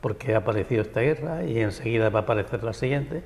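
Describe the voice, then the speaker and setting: He's a writer and architect from Barcelona, Spain, guesting on a local TV studio interview and answering in long, meandering stretches with a Peninsular Spanish accent. The medium-pitched voice is fast, lively in intonation, creaky and darkish, trailed by long reverb.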